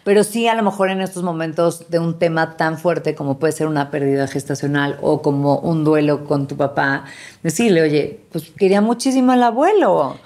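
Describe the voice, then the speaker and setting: A woman's voice: low-pitched, steady tone, moderate pace, darkish tone. A woman hosting a casual interview, reflective and sharing personal anecdotes before asking follow-up questions. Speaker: podcast host.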